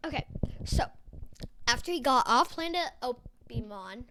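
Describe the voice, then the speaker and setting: A woman's voice: a little high, lively intonation, measured pace, fairly bright tone, slight background noise. A young woman hosting a podcast, making up a silly story as she goes, rambling with fillers and restarts. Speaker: podcast host. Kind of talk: improvised storytelling chat.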